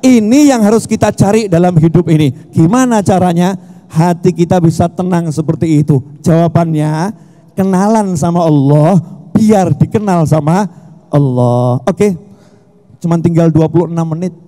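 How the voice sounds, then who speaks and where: A middle-aged man preaching a sermon at a festival, telling stories with jokes and shouting for emphasis. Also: fairly high pitch, normal speed. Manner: animated, joking storytelling with shouted emphasis. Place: large hall at a religious festival. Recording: long hall reverb.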